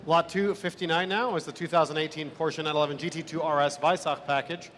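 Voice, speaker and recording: Male auction announcer, fairly high voice, formal lot read-out, faint background noise. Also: fairly even intonation, fast talker, fairly bright tone.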